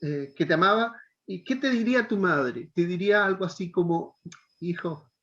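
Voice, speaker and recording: A middle-aged man teaching a pastoral counseling class, gently coaxing a student and checking in often. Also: high-pitched, lively intonation, moderate pace, dull audio.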